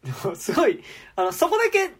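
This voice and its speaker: A woman's voice: sits high, fast. A woman co-hosting a casual podcast chat about a TV drama, acting out quoted lines as she talks. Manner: animated, acts out quoted lines. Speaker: podcast co-host.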